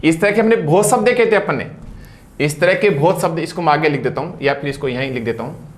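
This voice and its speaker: Emphatic man teaching phonetics at a board. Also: on the high side. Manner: repetitive, emphatic, drawn-out sounds. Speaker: English teacher. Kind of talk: classroom lecture on phonetics.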